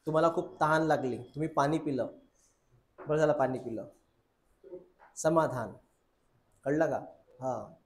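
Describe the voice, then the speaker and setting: A man's voice: a little high, measured pace, long pauses, echoey room. A male biology teacher lectures a class, drilling students with repeated questions and calling them "beta".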